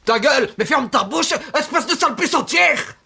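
A man playing a hot-tempered, petty, hysterical grown man who rants, hurls insults and breaks into shouts, in an amateur comedy sketch. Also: extremely high pitch, lively intonation, normal speed, vocal fry, exaggerated voice. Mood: furious ranting.

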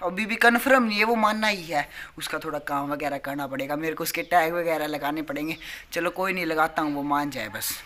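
A man's voice: fairly high pitch, a little fast, sharp tone. A young man, chatting casually on a family vlog and coaxingly pleading and apologizing over and over. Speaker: vlogger.

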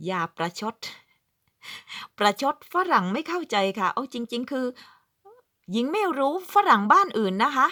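A woman's voice: sits high, sing-song, moderate pace, bright, forceful tone, dry recording, studio quality. A woman from southern Thailand giving casual, emphatic advice as a vlogger, acting out what people say. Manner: chatty, emphatic, acts out quoted speech. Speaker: vlogger living abroad. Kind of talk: casual advice talk to camera.

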